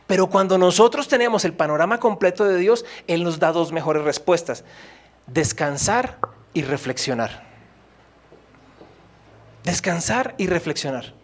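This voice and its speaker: A man preaching a sermon as pastor, emphatic, with dramatic pauses and acted-out quotes. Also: high voice.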